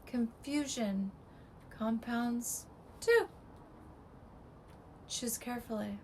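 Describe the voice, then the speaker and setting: A woman delivers a real estate breakdown in short, clipped fragments at an unhurried, deliberate pace. Her voice sits fairly high and sounds strained, as if it is giving out, with faint noise in the background. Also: darkish tone, low-quality recording. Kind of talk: scripted market breakdown.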